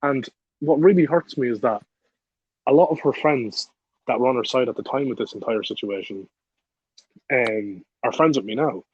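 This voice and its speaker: Husky young man, blunt and profane. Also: mid-range voice, normal speed, pauses often. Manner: profane, blunt, laughs while telling the story. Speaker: podcast guest. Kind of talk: casual storytelling. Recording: dull lo-fi, dry recording.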